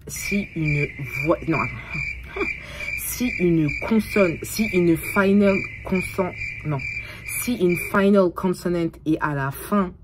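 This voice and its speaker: A tired young woman with a low voice chats casually to her camera, swearing freely and slipping English phrases into her talk. A faint hiss sits under the recording. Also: takes it slowly. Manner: chatty, swears often, mixes English phrases into her French. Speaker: vlogger. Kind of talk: casual vlog chat.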